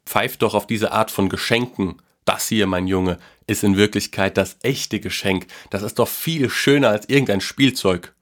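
A man voicing a kind, tired old grandfather in a storybook reading, speaking gently and softly. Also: fairly low pitch, normal speed, few pauses, lightly acted. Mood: warm, gentle. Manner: gentle, soft, a bit tired.

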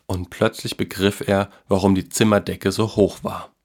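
A man calmly and gently reading a children's story aloud. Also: low voice, moderate pace.

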